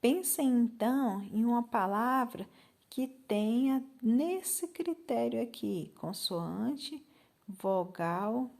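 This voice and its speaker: A woman's voice: a little high, gravelly, a little mellow. A woman with a Brazilian accent, teaching a recorded Portuguese lesson to fifth graders, patiently spelling out letters and checking understanding.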